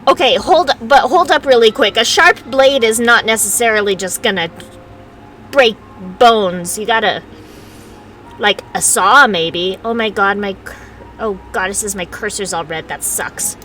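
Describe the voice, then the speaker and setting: A woman giving casual, expressive gameplay commentary, playfully talking back to the game. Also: medium pitch, measured pace, distant mic, a little hiss or hum. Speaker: gamer reacting while playing.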